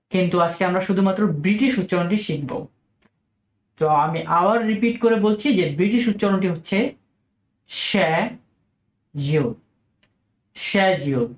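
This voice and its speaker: Man teaching in an echoey room. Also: high-pitched. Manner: slow, deliberate repetition of each example word. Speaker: English pronunciation teacher. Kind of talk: video lesson to camera.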